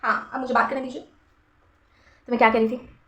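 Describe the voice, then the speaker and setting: A woman's voice: fairly high pitch, flat delivery, normal speed, sharp tone. A young woman, chatting dramatically in a casual vlog, mixing Hindi and English. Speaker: vlogger.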